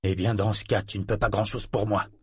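A man voicing a bitter, domineering father, loud and contemptuous in his anger. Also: lowish voice, flat delivery, fairly quick, husky, no echo, studio quality. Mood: sardonic. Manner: contemptuous, scornful, shouting in rage. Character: bitter domineering father, furious sea captain.

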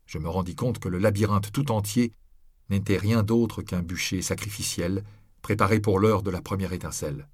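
A man reading a novel aloud in the first person, with steady, measured storytelling. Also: deep voice, husky, no room sound, clean studio sound. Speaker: audiobook reader. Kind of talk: scripted novel narration.

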